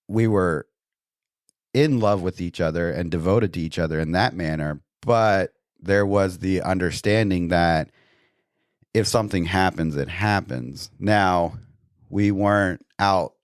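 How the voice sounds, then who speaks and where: A man's voice: low voice, unhurried, dry recording, studio quality. A middle-aged man, a podcast host, chatting casually and thinking aloud as he tells of his own past. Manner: relaxed storytelling, thinks aloud. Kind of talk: casual discussion.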